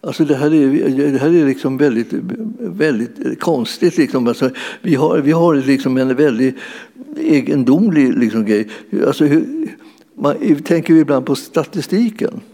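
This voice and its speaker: A man's voice: mid-range voice, lively intonation, warm tone. A man preaching a sermon in a church hall, in a conversational way that keeps searching for words with many fillers. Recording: long hall reverb.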